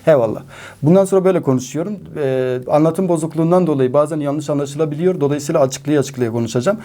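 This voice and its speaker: A man's voice: fairly high pitch, fast, dark tone. A male math teacher giving emphatic exam-prep advice to students, repeating key points and speaking with a regional dialect.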